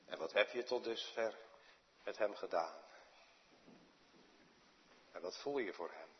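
A man preaching a sermon in a church, slow and dramatic, with sudden hushed drops. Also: deep voice, highs cut off, a little hiss or hum. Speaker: pastor.

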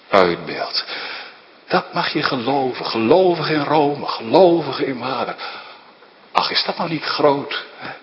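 Slow, lively male preacher in a reverberant church. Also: medium pitch, muffled recording, slight background noise. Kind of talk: sermon.

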